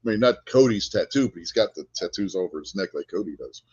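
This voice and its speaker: Husky, lowish male co-host, blunt and dismissive, on a slightly dull, dry recording. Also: animated, fast, a little mellow, dry recording. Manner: blunt, dismissive opinions with frequent laughs. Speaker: podcast co-host. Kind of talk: casual chat.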